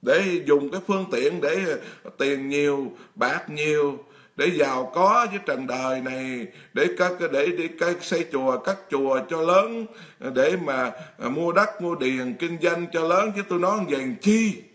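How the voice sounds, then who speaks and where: A man's voice: fairly high pitch, unhurried, fairly bright tone. A middle-aged man, a monk giving a blunt, emphatic sermon straight to his congregation. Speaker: Buddhist monk preaching. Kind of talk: dharma talk sermon.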